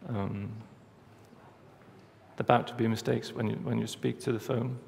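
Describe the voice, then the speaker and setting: A man giving a conference talk, walking through a live demo step by step in a halting way, recorded in a large hall. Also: medium pitch, level tone, vocal fry, darkish tone. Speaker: conference speaker. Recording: reverberant hall, faint background noise.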